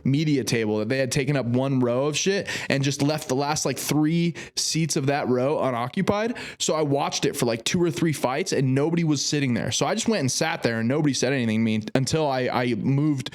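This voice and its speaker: A young man telling a long story in casual podcast chat, animated and swearing, jumping way up in pitch when he quotes people. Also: a little fast, hardly any pauses. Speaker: podcast guest.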